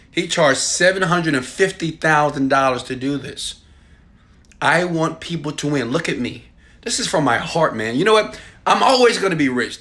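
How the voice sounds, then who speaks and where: An online marketer speaks straight to the viewer in an emphatic, insistent motivational sales pitch. His voice has a fairly bright tone.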